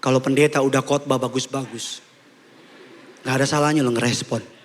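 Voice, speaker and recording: A male pastor preaching a sermon to a church congregation in a humorous, conversational way with quick mimicry. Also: medium pitch, steady tone. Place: church service before a congregation.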